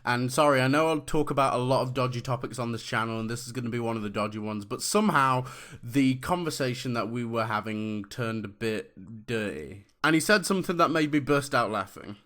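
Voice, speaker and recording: A man's voice: medium pitch, brisk, fairly bright tone. A young man making a comedic top-five video, talking in a crude, sarcastic and mocking way. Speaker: YouTuber.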